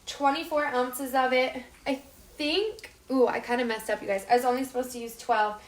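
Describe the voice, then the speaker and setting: Echoey, higher-pitched North Dakota-accented woman chatting. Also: fairly even intonation, normal speed. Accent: North Dakota, upper Midwestern American. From Las Vegas, United States. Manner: chatty, informal, addresses viewers directly. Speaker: host of a live cooking show. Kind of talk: casual livestream chat while cooking. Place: home kitchen, indoors. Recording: echoey room, clearly noisy with clicks.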